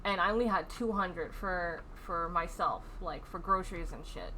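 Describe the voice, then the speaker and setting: A woman's voice: on the low side, normal speed, pushed and bright, slight background noise. A woman vlogging about a painful personal story, stressed and upset, swearing heavily, sighing often and rambling with fillers. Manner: heavy swearing, frequent sighs, rambling with fillers. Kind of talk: candid personal storytelling vlog.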